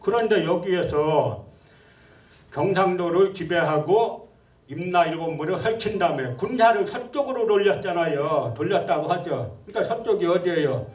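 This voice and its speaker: A man's voice: high-pitched, expressive, normal speed, darkish tone, reverberant, distant mic. A man giving a public history lecture, scornful and full of rhetorical questions.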